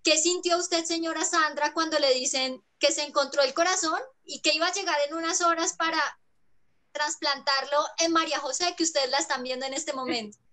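Lady host asking questions, high and bright, calm storytelling way. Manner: measured, storytelling transitions. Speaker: interviewer. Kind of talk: formal interview questioning.

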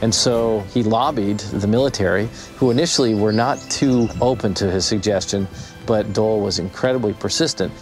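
A man's voice: fairly low pitch, moderate pace, faint music behind. A man in an interview explains history, hesitating now and then. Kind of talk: interview commentary.

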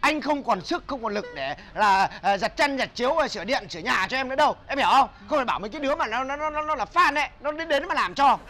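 A man playing a high-voiced, rowdy young guy. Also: expressive, sharp tone, exaggerated voice. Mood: scolding. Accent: Northern Vietnamese. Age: young adult. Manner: fast, exaggerated pleading and scolding. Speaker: actor in comedy sketch.

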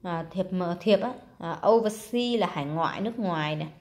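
A woman's voice: on the low side, a little fast, a little mellow. A woman teaching, walking through workbook exercises step by step, drawing out words and stressing syllables, with many fillers. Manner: explains step by step with frequent fillers. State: tired. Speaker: English teacher. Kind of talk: workbook lesson walkthrough.

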